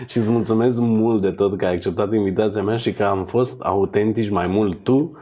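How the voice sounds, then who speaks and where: A man's voice: lowish voice, fairly even intonation, dark tone. A man hosting a podcast, mostly giving short agreeing replies and thanking his guest. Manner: brief agreeing replies, laughs along. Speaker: podcast host. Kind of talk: casual podcast chat.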